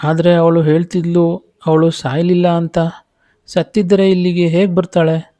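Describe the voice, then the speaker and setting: A man voicing a frightened little village boy who pleads in a high, urgent voice. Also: little pitch movement, normal speed, warm tone, lightly acted. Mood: pleading.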